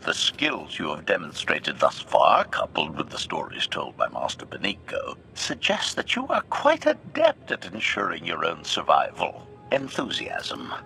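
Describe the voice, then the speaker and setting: Smooth synthetic droid bodyguard, deep and gravelly, swings wide in pitch, formal,. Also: male voice, pushed and bright, exaggerated voice. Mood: eager. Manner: announces each mood label before speaking. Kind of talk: video game voice acting.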